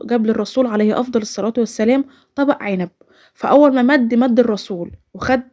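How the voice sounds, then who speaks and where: A woman's voice: fairly high pitch, mellow. A woman in her twenties with an Egyptian Arabic accent, telling a personal story in a chatty, rambling voice-over full of restarts. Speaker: vlogger.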